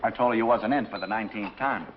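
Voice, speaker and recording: A man's voice: on the low side, fast talker, close to an everyday voice. An actor playing a wry, wisecracking male garage coworker in a 1950s film. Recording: muffled noisy old film soundtrack.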